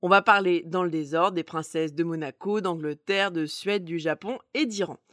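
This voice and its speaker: A woman's voice: lowish voice, moderate pace, a bit bright, dry recording, clean studio sound. A woman hosting and telling stories from a script in a conversational manner with wry asides. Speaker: podcast host. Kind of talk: semi-scripted storytelling narration.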